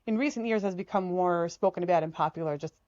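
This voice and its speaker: A woman, an artist from the United States, talks on a podcast. Her voice sits a little low and she speaks with emphatic, animated energy, acting out what others have said to her. The sound is dry and slightly muffled. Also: fast talker, no room sound. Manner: animated, emphatic, acts out quoted remarks. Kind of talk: conversational interview.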